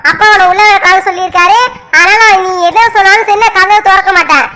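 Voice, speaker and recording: Casting: woman playing a bossy elder sister in a village cartoon, very high and bright voice, lecturing tone. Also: steady tone, fast talker. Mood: stern. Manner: scolding, lecturing. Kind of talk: cartoon voice acting.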